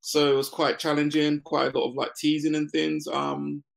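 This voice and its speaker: Fairly high-pitched and gravelly, this man in his forties from Ghana speaks at a moderate pace. He's a business founder chatting as an interview guest, easygoing, frequently laughing and full of fillers.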